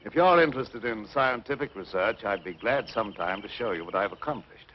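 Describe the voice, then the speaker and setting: An actor playing a grandiose, resentful mad scientist in an old horror film, speaking formally and theatrically with menacing politeness. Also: male voice, on the low side, animated, a little fast, a little hiss or hum, natural voice. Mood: courteous. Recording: muffled old film soundtrack.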